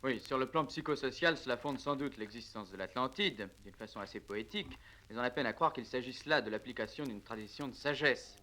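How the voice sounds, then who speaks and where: A man's voice: medium pitch, a little fast, sharp tone, a little hiss or hum. A man challenging a guest sceptically in a formal radio discussion, on old worn tape. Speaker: radio interviewer.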